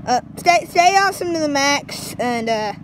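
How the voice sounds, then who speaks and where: Brief: woman host of a goofy gaming video, high and bouncy, stammering, faint hiss behind. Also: animated, normal speed. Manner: giddy, stammering, jumpy. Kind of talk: silly gameplay commentary.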